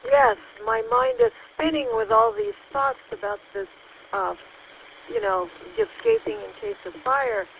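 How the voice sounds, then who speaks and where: A woman's voice: very high-pitched, big pitch swings, measured pace, vocal fry. A woman checking in over a walkie-talkie, answering by call sign and thinking aloud in a rambling way with many fillers. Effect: heard over a walkie-talkie radio. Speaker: caller checking in to a radio net. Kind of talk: radio net check-in chat. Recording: tinny two-way radio with faint hiss.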